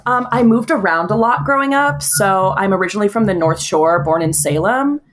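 A woman from Massachusetts chatting as a podcast guest, relaxed and frank, with lots of likes and ums. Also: medium pitch, moderate pace. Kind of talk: casual chat.

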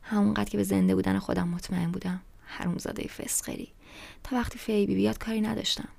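A woman reading a first-person novel aloud as an audiobook, soft and often half-whispered. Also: mid-range voice, fairly even intonation, vocal fry. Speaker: audiobook narrator.

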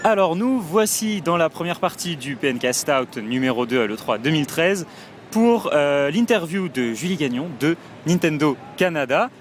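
A man's voice: fairly high pitch, animated, normal speed, soft background music. A man hosting a live podcast episode from a trade show, chatty and friendly, with frequent fillers. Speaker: podcast host. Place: video game trade show.

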